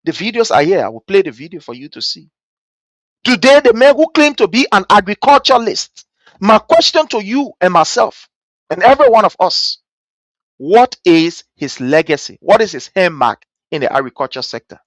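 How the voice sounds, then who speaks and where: A Liberian-accented host delivers impassioned political commentary in a medium-pitched voice. The delivery is indignant and mocking, built on rhetorical questions and emphatic repetition. The sound is dry, with hardly any room to it. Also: sing-song, normal speed, fairly bright tone, no room sound.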